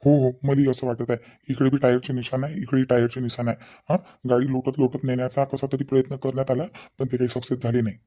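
A man playing a brisk cartoon policeman. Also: medium pitch, level tone, mellow, lightly acted. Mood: businesslike. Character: police officer questioning theft victims, adult man. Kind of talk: cartoon comedy voice acting.

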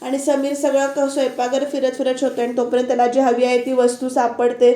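High, flat-voiced woman recapping a serial. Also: a little fast, roomy sound. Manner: chatty retelling that addresses viewers directly. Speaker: TV serial reviewer. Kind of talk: casual episode recap voice-over.

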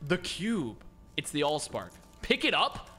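A young man commentating his gameplay in a high, bright voice that jumps all over the place. He is excitable and foul-mouthed, constantly exclaiming at whatever shows up on screen. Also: unhurried. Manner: excitable, swears a lot, exclaims. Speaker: gaming streamer. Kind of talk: casual game commentary.

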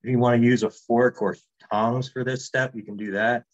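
Speaking at a moderate pace in a medium-pitched voice, a chef walks through a casual cooking demo. He stays relaxed and talks as he works with friendly asides, though the recording is muffled.

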